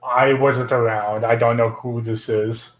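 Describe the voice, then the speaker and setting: A man's voice: mid-range voice, little pitch movement, unhurried. A man playing a tabletop role-playing game, talking casually as one of the players.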